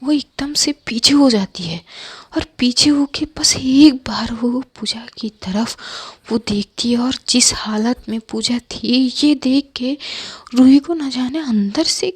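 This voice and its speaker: Woman, storyteller, soft half-whisper, intimate, breathy. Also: a little high, slow, few pauses, no room sound. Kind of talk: story narration.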